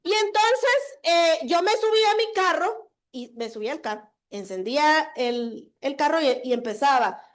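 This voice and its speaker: A woman with a Guatemalan accent giving a conference talk, telling a personal story in an animated, confiding way and often checking in with her audience. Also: sits high, measured pace, few pauses. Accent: Guatemalan Spanish. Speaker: conference speaker. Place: conference hall.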